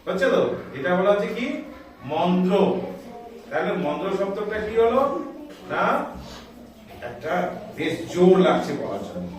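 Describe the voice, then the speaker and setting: High-voiced man teaching a music class. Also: very animated, moderate pace, pauses often, very echoey, recorded from a distance, a little hiss or hum. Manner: explains step by step, calls out scale notes, scolds chatty children. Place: school classroom.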